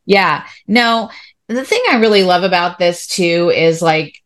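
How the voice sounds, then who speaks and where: A woman's voice: fairly low pitch, measured pace. A woman teacher co-hosting a podcast, talking thoughtfully in a casual chat. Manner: thoughtful, with fillers and restarts, warm agreement.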